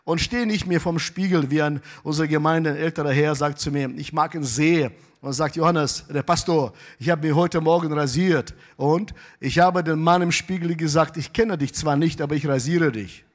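A pastor preaching a sermon, moving between loud, emphatic exclamations and quiet asides. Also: male voice, on the high side, normal speed.

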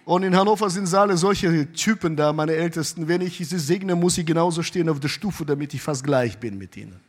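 A pastor preaching a sermon, moving between loud, emphatic exclamations and quiet asides. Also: male voice, a little high, brisk.

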